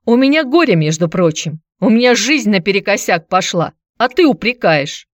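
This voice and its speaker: A woman's voice: big pitch swings, normal speed, no echo, clean studio sound, close to an everyday voice. A woman voicing a quarrelsome, hard-drinking woman who answers in a snappish, sarcastic way. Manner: snappish, sarcastic, shrill when riled.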